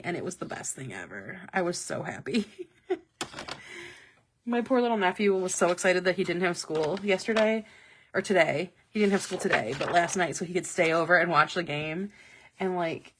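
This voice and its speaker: A woman hosting a casual live stream, talking excitedly and laughing often, with lots of "like" fillers. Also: lowish voice, moderate pace, noisy background. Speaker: planner stencil shop host. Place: office. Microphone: live-stream webcam mic.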